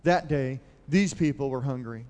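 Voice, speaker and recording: A man's voice: mid-range voice, moderate pace, darkish tone. A male pastor giving a conversational sermon, retelling a Bible story and asking the congregation questions. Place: church hall. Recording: long hall reverb.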